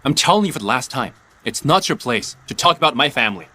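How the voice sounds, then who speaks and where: A man's voice: mid-range voice, big pitch swings, fast, bright, forceful tone. An actor playing a cold, commanding young husband and father who speaks in firm, clipped lines. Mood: stern. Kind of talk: dubbed drama acting.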